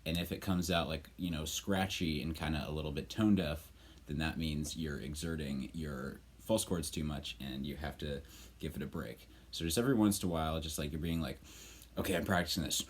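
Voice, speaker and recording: A man with a low voice talks through a vocal lesson like a casual coach. He rambles informally and leans on words for emphasis. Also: fairly even intonation, a little fast. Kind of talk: casual spoken tutorial.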